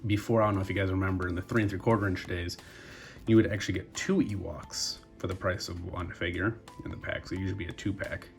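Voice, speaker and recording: A man's voice: deep voice, fast talker, creaky, faint music behind. A young man with a congested voice, breathing through his mouth as he chats casually through a toy review. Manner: relaxed, chatty, addresses viewers as guys.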